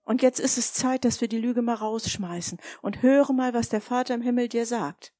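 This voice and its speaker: A woman's voice: fairly high pitch, normal speed, no echo, clean studio sound. A woman preaching a sermon, telling stories and asking her listeners direct questions. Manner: warm, storytelling, addresses listeners directly with questions.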